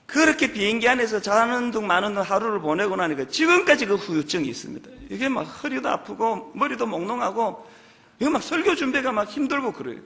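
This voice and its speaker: High, lively pastor preaching in a hall. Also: male voice. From Gyeongsang, South Korea. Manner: emphatic, full of rhetorical questions. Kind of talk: sermon. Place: church sanctuary. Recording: long reverb of a large hall.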